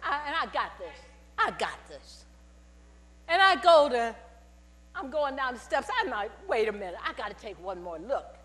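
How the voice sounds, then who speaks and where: An older woman in a purple robe speaks at normal speed, her voice on the high side, as she gives a testimony sermon from the pulpit. She tells stories animatedly and exchanges call-and-response with the congregation, captured on a headset mic with long reverb and mains hum in the large sanctuary.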